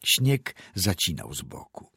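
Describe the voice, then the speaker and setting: A man narrating classic prose as an audiobook reader, measured and descriptive. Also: low voice, huge pitch swings, gravelly, pushed and bright, slightly rough, no echo, studio quality.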